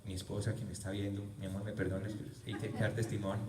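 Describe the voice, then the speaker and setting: At a healing retreat in a parish church, a man preaches with humorous personal stories, repeating key words for emphasis. He speaks fast in a fairly low, darkish monotone. The mic is far off in the roomy church, with slight background noise.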